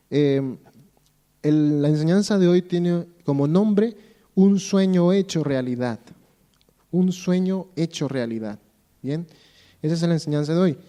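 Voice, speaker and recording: A man's voice: sits high, mellow. A man preaching to his church in a conversational way, repeating phrases for emphasis and telling stories with many fillers. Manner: repeats phrases for emphasis, addresses listeners directly; storytelling with many fillers and restarts. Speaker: pastor. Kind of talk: conversational sermon.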